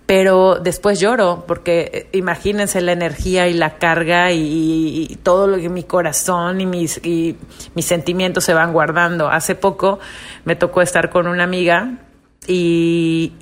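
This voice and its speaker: A young woman hosting a reflective monologue podcast, earnest and confiding. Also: on the low side. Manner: earnest, confiding, acts out quoted voices. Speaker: podcast host.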